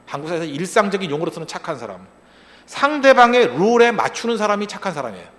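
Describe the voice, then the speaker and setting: Male pastor, high and lively voice, animated sermon full of rhetorical questions, long reverb of a large hall. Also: quick pace. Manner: acts out short quoted lines in other voices.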